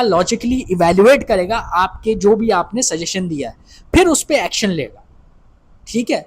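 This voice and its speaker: A man giving an instructive advice talk to wives, dropping English phrases into his speech and often asking "right?" to check in. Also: sits high. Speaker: marriage advice speaker.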